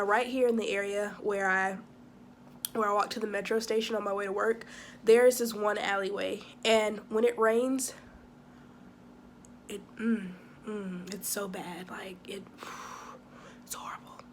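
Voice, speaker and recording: A young woman chatting casually to camera in a vlog, talking quickly with lots of fillers and asides. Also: fairly high pitch, a little hiss or hum. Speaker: vlogger living abroad.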